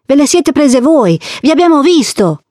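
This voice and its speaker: A woman's voice: a little high, animated, unhurried, a little mellow, dry recording, clean studio sound, pitched above the performer's own voice. A reader voicing a stubborn, fearless young girl who speaks firmly and insistently. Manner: firm, insistent.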